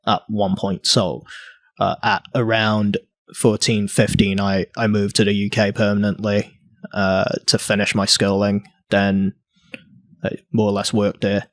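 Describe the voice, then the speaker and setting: A young man from Hong Kong, a guest artist in a casual interview, talking haltingly with many fillers and restarts. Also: fairly low pitch, little pitch movement, no echo, clean studio sound.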